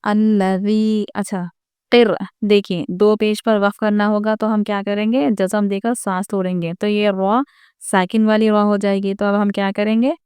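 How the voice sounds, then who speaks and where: A woman teaching Quran recitation rules in a patient, methodical lesson. Her voice is very clear and smooth, recorded close up with no room sound. She often pauses to ask her viewers rhetorical questions. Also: medium pitch, little pitch movement, darkish tone, no room sound. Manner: patient, explains each rule and asks rhetorical questions.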